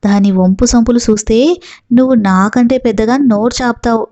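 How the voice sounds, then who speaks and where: A woman reading the lines of a domineering, lecherous male village landlord in a gruff, scolding way. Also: on the high side, a little fast, warm tone, highs cut off, lightly acted. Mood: bossy.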